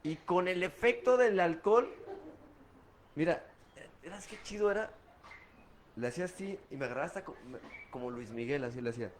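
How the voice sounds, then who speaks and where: A man's voice: on the high side, brisk. A middle-aged man from Guadalajara with a Mexican Spanish accent, giving a candid, profane account of his past drinking in street slang. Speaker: guest recounting his addiction. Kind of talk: candid personal testimony.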